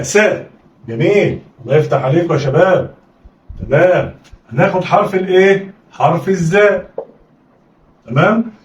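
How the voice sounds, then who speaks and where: A man with an Egyptian accent, teaching children to read syllables, calling out sounds for them to repeat and praising them often. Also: high voice. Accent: Egyptian Arabic. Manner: call-and-response drilling, coaxing pupils to repeat; encouraging, blessing the pupils often. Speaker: Arabic teacher. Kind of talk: children's phonics lesson. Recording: echoey room, distant mic, dull lo-fi sound.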